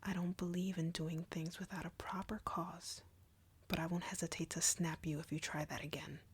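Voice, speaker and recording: Speaking into a close, dry microphone, a woman voices an arrogant vampire woman in scripted roleplay audio with an intimate, ASMR-like delivery. Her near-whisper is breathy, husky and creaky, low-leaning and level in tone. She taunts slowly, condescending and teasing, with a threatening mood.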